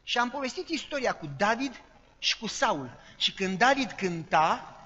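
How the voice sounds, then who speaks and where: A man's voice: extremely high pitch, lively intonation, pushed and bright. A male preacher telling a dramatic story in a sermon, acting out voices and sounds. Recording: dull sound with long hall reverb.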